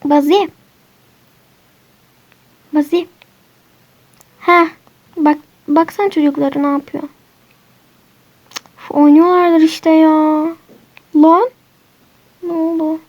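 Brief: very high-pitched woman, chatty, running a toy game role-play, dry close sound. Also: level tone, slow, pauses often, darkish tone, no room sound, dull audio. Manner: chatty, switches between characters. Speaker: role-play channel host.

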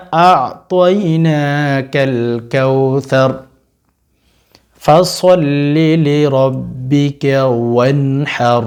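A man with a Bangladeshi Bengali accent giving a religious talk, coaxing his viewers with repeated questions and breaking into slow, drawn-out chanted recitation. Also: medium pitch, a little mellow. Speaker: Islamic preacher. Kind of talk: religious teaching with Quran recitation.

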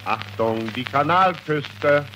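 On a noisy archival recording of a 1940s radio broadcast, a man formally announces live and calls out stations, repeating commands. His voice is a little high, expressive and slow, with music playing behind him.

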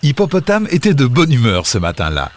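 A man narrating a children's fable, expressive and dramatic. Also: medium pitch, fairly quick. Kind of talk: scripted storybook narration.

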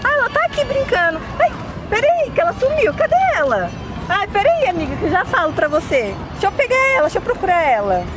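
A Brazilian woman playing a frantic young mother in a comedy sketch, with shrill, panicked exclamations in an outdoor park. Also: wildly swooping pitch, a little slow, distant mic, full character voice. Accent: Brazilian Portuguese. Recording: loud park crowd and music. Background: crowd noise and music.

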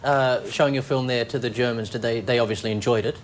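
A man hosting a comedic panel show, reading headlines with deadpan punchlines. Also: mid-range voice, fast talker. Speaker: quiz show host. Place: television studio with live audience. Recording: loud studio audience and noise.

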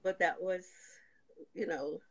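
A woman's voice: on the low side, fairly even intonation, takes it slowly, fairly bright tone. An older woman giving a personal faith testimony as a guest, telling her story and acting out past conversations. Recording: slightly dull lo-fi sound.

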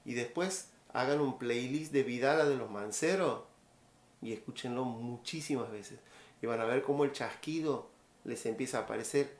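A man with an Argentine accent teaching guitar in a relaxed live online lesson, counting beats aloud and vocalizing the strums. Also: medium pitch, normal speed, reverberant. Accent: Argentine Spanish. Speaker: music teacher.

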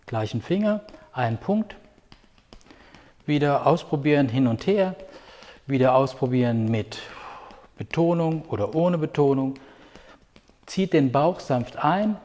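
Calm male yoga teacher, reverberant room. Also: medium pitch. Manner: calm, patient step-by-step cues with counting. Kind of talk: guided yoga instruction. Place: room at home. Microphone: clip-on microphone. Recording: long hall reverb.

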